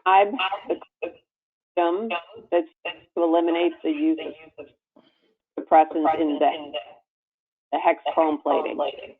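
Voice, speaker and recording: A woman moderating a webinar question session, her voice cutting out on a choppy online call, speaking in halting phrases. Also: low-pitched, level tone, husky. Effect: choppy, cutting-out call audio. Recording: tinny phone-like call line.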